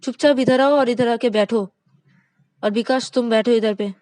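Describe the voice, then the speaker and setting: A woman voicing a furious, bossy young wife in a narrated story, scolding in shrill outbursts. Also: fairly even intonation, moderate pace, a little mellow, no room sound, natural voice.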